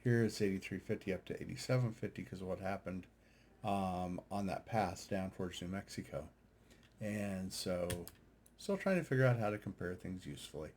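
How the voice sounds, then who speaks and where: A faint hiss or hum runs under the recording of a man with a low-pitched, expressive, slightly mellow voice at a moderate pace. As an amateur radio operator and video host, he comments informally on data charts via screen share, thinking aloud and hesitating without a script.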